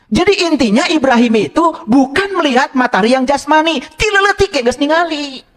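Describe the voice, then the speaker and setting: A man preaching to a live audience in a high voice that leaps up and down. He jokes, fires questions at the listeners and drops into local phrases. His delivery is playful and conversational rather than solemn. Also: expressive, brisk, a bit bright. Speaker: religious teacher. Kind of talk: interactive religious lecture to an audience.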